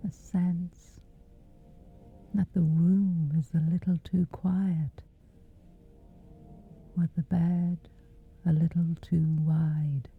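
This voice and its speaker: In a soft, low, husky whisper, a woman guides a sleep meditation, her flat, soothing delivery lingering slowly and gently over every phrase. Her voice sounds thin and narrow, with faint, gentle music underneath.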